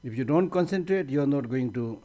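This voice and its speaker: Brief: male Buddhist teacher, mellow tone, chatty restarts, light humor. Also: medium pitch, expressive, a little fast. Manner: conversational, repeats words as he restarts. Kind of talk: conference teaching talk.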